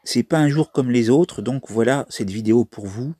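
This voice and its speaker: A man's voice: medium pitch, normal speed, warm tone, slightly rough, no room sound, studio quality. A man giving casual commentary on a mobile trivia game, thinking aloud as he plays. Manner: chatty, thinks aloud while playing. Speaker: mobile game video maker.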